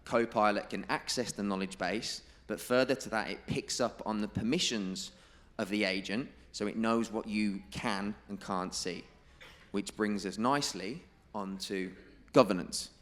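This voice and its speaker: A man giving a presentation to a live audience, emphatic and stressing key figures and quotes by repeating them slowly. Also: on the low side, fairly bright tone. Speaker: conference presenter. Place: conference room.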